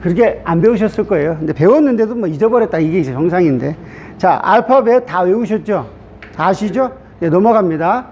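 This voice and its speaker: A man's voice: lively intonation, fairly quick, a little mellow. A middle-aged man, a pastor, giving a chatty classroom lecture on the Greek alphabet, checking in with the class often. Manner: chatty, repetitive, asks class "됐죠?". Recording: dull low-fi sound with faint hiss.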